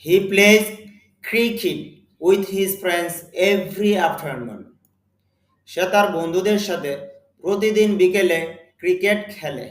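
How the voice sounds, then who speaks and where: Man, Bengali accent, English teacher, slow deliberate delivery, slightly high voice, echoey room. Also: expressive. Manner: slow, deliberate, repeats words for students. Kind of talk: spoken English lesson.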